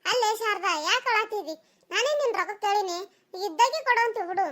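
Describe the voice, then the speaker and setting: A woman's voice: very high-pitched, fairly quick, a bit bright. Woman voicing a worried older village woman. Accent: North Karnataka Kannada. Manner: complaining, repeats her grievance.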